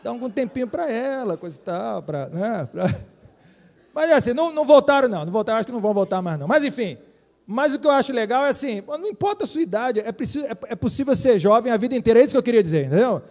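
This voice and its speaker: A middle-aged pastor with a Brazilian accent preaches in a relaxed, joking way, often checking in with the congregation. His voice sits high but sounds mellow. The church hall adds a long reverb. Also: rapid-fire. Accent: Brazilian Portuguese. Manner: joking, chatty preaching with many tag questions. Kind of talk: sermon.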